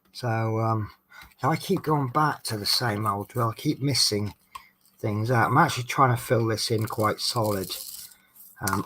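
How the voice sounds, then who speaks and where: This Norfolk-accented man from England is vlogging from home, working on a craft as he rambles through casual chat full of ums. He speaks in a mid-range voice over a faint hiss or hum.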